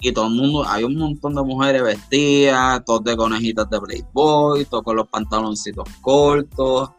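A man's voice: medium pitch, normal speed, soft background music. A young man telling stories in casual chat, acting out crowd voices. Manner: animated storyteller, acts out crowd voices.

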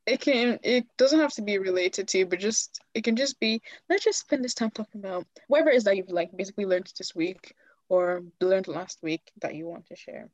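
A woman of twenty-two co-hosting a casual podcast chat, unhurried and laughing often. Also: mid-range voice, dry recording. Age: 20s. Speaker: podcast co-host. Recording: dull, dry home recording.

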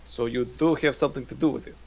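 A man's voice: medium pitch, fairly even intonation, quick pace, vocal fry, darkish tone. A man playing a tabletop game in character, rude and insulting and swearing freely. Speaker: player.

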